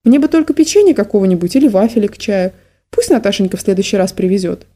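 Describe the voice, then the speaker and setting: A frail, confused old woman from an audiobook, played with some lift in pitch by a woman reading it. She rambles cheerfully, then turns shrill and accusing. The underlying voice is mellow and dark. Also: animated, fast, natural voice.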